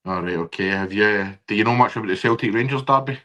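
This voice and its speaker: A man's voice: fairly low pitch, fast talker, sharp tone. A man with a broad Scottish accent hosting a casual live football interview in an informal, matey way. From Scotland. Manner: informal, matey, colloquial phrasing. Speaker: football podcast host and interviewer.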